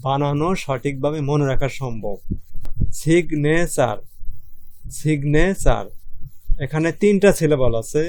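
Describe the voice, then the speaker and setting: A man with a Bangladeshi Bengali accent teaching an online English grammar lesson, patiently repeating definitions and slowly breaking words into syllables. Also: on the high side, darkish tone.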